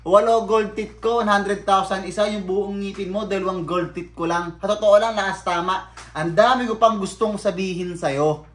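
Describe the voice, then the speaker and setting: A blunt man rants casually to his viewers and swears freely. He drops into low mumbled asides, then bursts out loud. His fairly high voice bounces around an echoey room. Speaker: vlogger. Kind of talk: casual ranting vlog.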